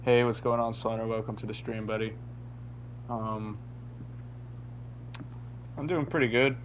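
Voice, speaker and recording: A man's voice: mid-range voice, measured pace. A man who is sick, chatting casually to his live stream viewers in a rambling way, with lots of fillers. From Canada. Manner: rambling, filler-heavy, talks to chat. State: sick, voice cracking. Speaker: livestreamer. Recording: dull lo-fi mic with steady hum.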